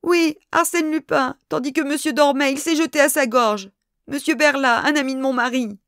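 Shrill, excited lady passenger, put on by a woman reader, high and insistent, in a dry close recording. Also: moderate pace, no echo. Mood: agitated.

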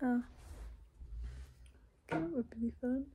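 A woman's voice: on the high side, extremely slow, narrow, tinny audio, heavy background noise. A woman vlogging at home in casual, rambling chat with lots of fillers, recorded on a handheld camera. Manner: chatty and rambling, with many fillers. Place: indoors at home.

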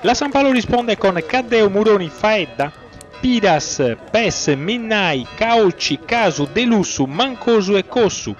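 A man commentates on football. His delivery is excitable and his pitch moves around in a lively way. The audio is dull and lo-fi. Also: a little slow. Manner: excitable, swells on chances and goals. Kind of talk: live sports commentary of a youth football match. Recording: dull lo-fi audio, faint music.

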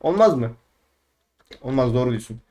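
Excitable young man trash-talking over gameplay. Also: mid-range voice, moderate pace. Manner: rambling, talks to himself. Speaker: gaming YouTuber. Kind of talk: let's play commentary.

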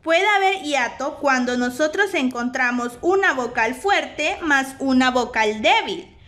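Woman teacher with a Honduran Spanish accent, high-pitched, unhurried, sounds out syllables. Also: animated, a bit bright. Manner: slow, deliberate, spells out syllables. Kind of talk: recorded grammar lesson.

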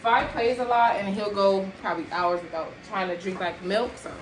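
A young vlogger with a mid-range, fairly even voice at a moderate pace shows off a grocery haul in her small apartment kitchen. Tired and sweaty, she chats with viewers, calling them y'all, and moves around unpacking bags. The camera sits across the room, and the kitchen sounds echoey with background noise.

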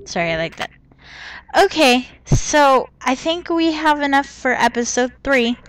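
A woman's voice: high voice, big pitch swings, a little slow, no echo. A young woman casually commenting on a game she is playing, mumbling and thinking aloud. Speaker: let's play gamer.

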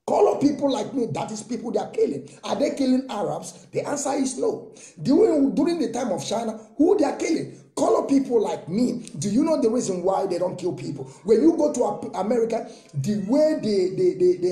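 A man's voice: high-pitched, dark tone, echoey room. A man in his thirties with a Nigerian accent, giving a fervent monologue to camera with many rhetorical questions and repetitions. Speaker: political commentator. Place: small room indoors.

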